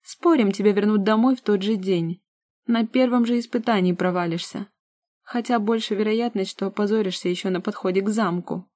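A woman's voice: medium pitch, fairly even intonation, normal speed, dark tone, dry recording, clean studio sound, close to an everyday voice. A woman voicing a spoiled, capricious young woman who shrieks and sneers at her sister in an audiobook. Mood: mocking scornful.

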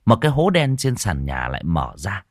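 A man narrating an audiobook story in an expressive storytelling manner. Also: fairly low pitch, moderate pace, no echo, clean studio sound.

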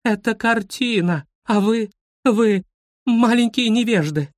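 A man's voice: a little high, lively intonation, moderate pace, a little mellow, dry recording, studio quality, lightly acted. A man voicing an indignant woman museum guide in a storybook reading, theatrical and easily outraged. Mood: shrieking.

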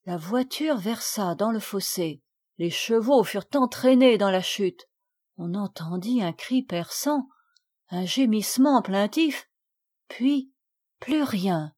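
A woman narrating a storybook aloud in a measured, expressive reading. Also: medium pitch. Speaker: audiobook reader. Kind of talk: audiobook narration.

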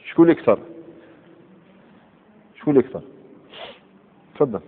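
A man with an Algerian Arabic accent teaching grammar in a classroom lecture, quizzing students and reciting verb patterns slowly. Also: medium pitch, animated, breathy edge. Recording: tinny, echoey hall recording.

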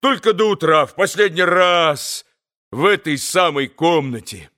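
A man voicing a wild, exalted young man who shouts and stammers through breathless exclamations in a classic audiobook. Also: on the high side, lively intonation, unhurried. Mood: frantic.

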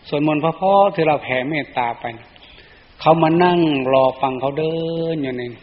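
A male monk giving a Buddhist sermon, telling stories in a plain, unhurried way. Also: a little high. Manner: plain storytelling delivery. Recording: echoey dull lo-fi recording.

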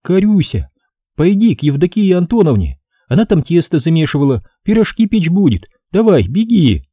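In this audiobook, a tearful, grieving mother speaks through sobs, as a man reading the book plays her. Her trembling voice sits above his usual pitch, with a husky, mellow grain and lively swings of pitch. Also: measured pace, no room sound, full character voice. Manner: sobbing, trembling speech.

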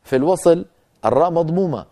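A man teaching a tajweed lesson, explaining rules step by step and slowly chanting recited examples. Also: fairly high pitch, animated, mellow.

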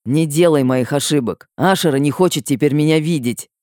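A woman's voice: low voice, normal speed, a little mellow, no room sound, studio quality, lightly acted. A woman voicing a protective male dragon friend in an audiobook, urgent and raised. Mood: earnest. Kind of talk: audiobook character voice.

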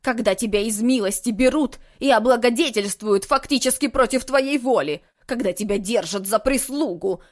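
A woman's voice: medium pitch, very animated, normal speed, few pauses, natural voice. A proud middle-aged housekeeper, stiff and defensive, bristling with resentment, as the audiobook's reader puts her on. Her answers come clipped and indignant. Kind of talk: audiobook character reading.

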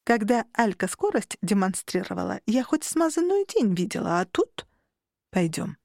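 A woman narrating a first-person audiobook in a lively, expressive, playful way. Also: a little high, normal speed, no echo, studio quality.

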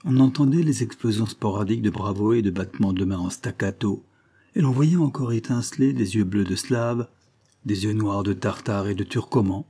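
Husky, dark-voiced male storyteller. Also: lowish voice. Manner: measured, literary. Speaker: narrator. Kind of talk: audiobook reading of a short story.

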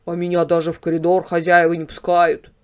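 A simple-minded male yard dog from a storybook, as a woman reader puts him on. He asks one wondering question after another in a mellow, dark-toned voice, pushed apart from the reader's own sound. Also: mid-range voice, lively intonation, measured pace. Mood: complaining. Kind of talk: storybook character voice.

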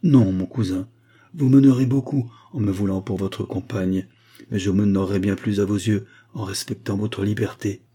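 Brief: man reading a calm young noblewoman, soft and tender, dark husky tone. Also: lowish voice, normal speed. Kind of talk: audiobook reading.

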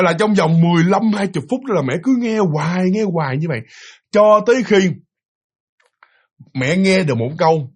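A man's voice: a little high, breathy edge. A man telling a spooky family story to listeners in a chatty, dramatic way, acting out the voices of the people in it. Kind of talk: spoken ghost story telling.

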